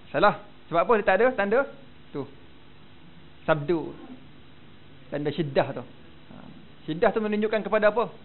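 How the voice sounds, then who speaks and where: Malaysian man teaching Quran recitation. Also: high voice. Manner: demonstrates Arabic pronunciation, prompts students to repeat. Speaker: religious teacher. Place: prayer hall. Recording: tinny phone-like recording with faint noise.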